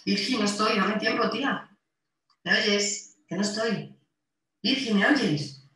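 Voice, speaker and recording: A woman's voice: medium pitch, slow, a bit bright, slight background noise. An actress with a Spain Spanish accent playing a harassed woman who argues tensely with her ex over the intercom, pleading and exasperated. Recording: echoey distant playback in a hall.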